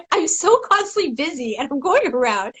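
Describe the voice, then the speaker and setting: Woman, middle-aged, high lively voice, bright, laughs a lot, acts out what people said. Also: unhurried. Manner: animated storyteller, laughs often, acts out quotes. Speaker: guest. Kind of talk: casual conversation.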